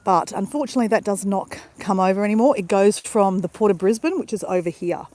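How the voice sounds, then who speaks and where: Outdoors on a sunrise beach, an Australian woman rambles cheerfully to the viewers of her live stream, holding a phone camera. Her mid-range voice is mellow and her pace quick.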